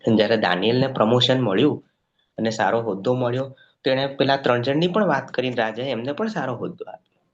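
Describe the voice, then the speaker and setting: A man preaching a sermon, retelling scripture stories with animated voice play and often checking with the congregation whether they follow. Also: mid-range voice, quick pace. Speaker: pastor. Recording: dull lo-fi sound.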